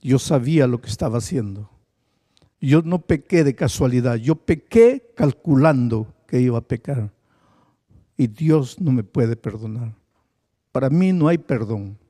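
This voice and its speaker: A male pastor voicing a grieving, guilt-ridden paralyzed woman in a low, subdued tone. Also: animated, unhurried, warm tone, long reverb tail. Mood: despairing.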